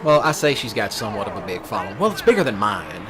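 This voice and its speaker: A man with a low-leaning voice and a Southern US accent talks fast over music as he streams gameplay. His casual, rambling rant is folksy and brash, loaded with rural slang and repetition, and the noisy recording carries steady vehicle sounds.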